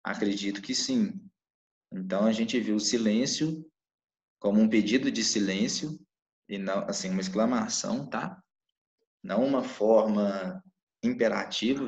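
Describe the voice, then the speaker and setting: Low-voiced man teaching online. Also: a little mellow. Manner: explains with frequent "né?" and "tá?" check-ins. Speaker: Portuguese teacher. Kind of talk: live online class. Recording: echoey room, dull lo-fi mic.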